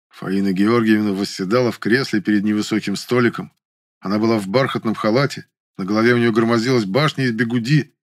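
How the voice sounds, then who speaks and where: A man reading a first-person story aloud as an audiobook, measured and wry. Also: fairly low pitch. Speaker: audiobook narrator.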